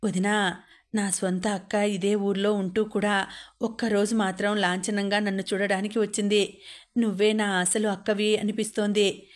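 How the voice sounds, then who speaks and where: A woman's voice: mid-range voice, flat delivery, normal speed, close to an everyday voice. Woman reading a forthright young woman. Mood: grateful. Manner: firm, forthright. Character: young pregnant woman, studious and outspoken.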